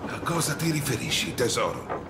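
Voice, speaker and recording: A man's voice: mid-range voice, big pitch swings, normal speed. A man playing an older, commanding, fatherly colonel in a video game. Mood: worried, indignant. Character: commanding old colonel, fatherly, easily roused. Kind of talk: video game voice acting, Italian dub. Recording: roomy, noisy train-carriage ambience.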